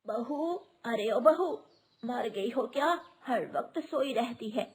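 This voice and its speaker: A harsh old mother-in-law bird from a cartoon sneers and scolds, voiced by a woman. Her voice is high and breathy and swings widely up and down, with a hushed, hissing edge when she mocks. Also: animated, slow pace, heavily acted. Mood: scolding. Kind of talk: cartoon voice acting.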